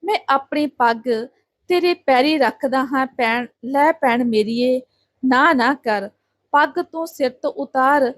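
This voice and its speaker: A grieving village father pleads through tears for help. A woman reads him in her own high voice. The sound is close and dry. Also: slow pace, no echo. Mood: pleading. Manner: begging, tearful appeals.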